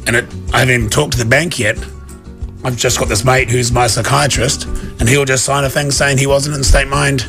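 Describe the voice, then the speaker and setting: A man with a New Zealand accent doing rambling, deadpan comic banter as a casual radio host. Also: medium pitch, brisk, music in the background.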